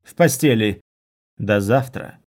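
A man's voice: on the low side, slow. A man voicing a harsh female commander who barks curt orders, in an audiobook. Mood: stern. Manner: barking, curt.

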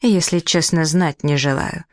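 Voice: measured pace, darkish tone, no room sound, clean studio sound, close to an everyday voice. A reader voicing an indignant, plump middle-aged widow who makes theatrical complaints. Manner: shrill outrage, theatrical complaints.

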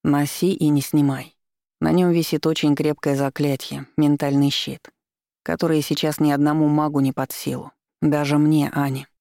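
Brief: gravelly, dry-sounding male demon lover, low and unhurried, as the reader puts him on. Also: flat delivery, dark tone, no echo, natural voice. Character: teasing, domineering young male demon lover.

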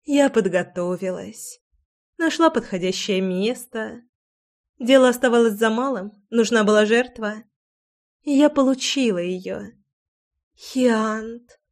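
A woman's voice: a little high, slow pace, long pauses, darkish tone. A woman reading a vengeful, psychopathic woman villain in an audiobook, cold and gloating. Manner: cold, gloating, hissing threats.

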